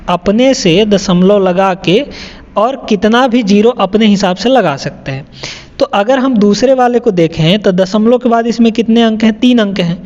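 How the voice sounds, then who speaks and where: A man's voice: sits high, darkish tone. A man teaching a math lesson to children, explaining step by step and often checking "right?". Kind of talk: classroom lesson explaining sums. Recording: dull lo-fi audio with long reverb.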